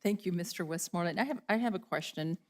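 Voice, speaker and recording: A woman's voice: lowish voice, fast, a little mellow. A woman chairing a county commission meeting who asks staff direct questions.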